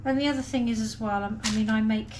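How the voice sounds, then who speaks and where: A woman's voice: fairly high pitch, fairly even intonation, fast talker. A woman chatting casually and unhurriedly as she talks viewers through a home baking vlog step by step. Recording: clear background noise, room ambience.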